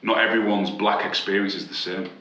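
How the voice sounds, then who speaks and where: Animated East Yorkshire man, echoey room. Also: fairly low pitch, a little fast. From Hull, England. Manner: animated, repeats "like" and "you know what I mean". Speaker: rapper guest. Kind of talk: casual interview chat. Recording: echoey room, dull lo-fi sound.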